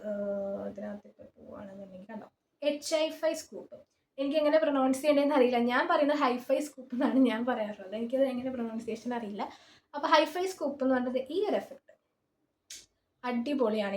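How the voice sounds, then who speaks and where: A woman's voice: fairly high pitch, fast talker, roomy sound. A woman singer giving a chatty, informal app tutorial and often pointing things out as she shows them. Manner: chatty and informal, often saying "see" while showing things. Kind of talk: casual screen-recorded tutorial. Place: small closed room.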